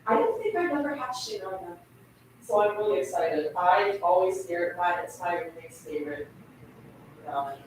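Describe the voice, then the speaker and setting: A young woman from Turkey livestreams from her home kitchen, chatting with viewers as she cooks and speaking to the food, giggly and talkative. Her lowish voice is expressive at normal speed. The recording is echoey, with the mic set back and slight background noise.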